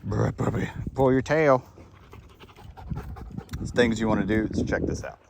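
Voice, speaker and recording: Man, very low voice, laid-back dog trainer, blunt and rambling, outdoors. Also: a little slow, vocal fry, noisy background. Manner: casual, blunt, rambling with fillers. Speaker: dog trainer and kennel owner. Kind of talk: unscripted training talk.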